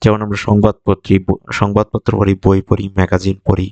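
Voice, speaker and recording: Low-voiced man teaching vocabulary patiently. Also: completely flat delivery, darkish tone, dry recording. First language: Bengali. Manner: patient, repeats each word slowly. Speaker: Japanese language teacher. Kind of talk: vocabulary lesson, explaining words.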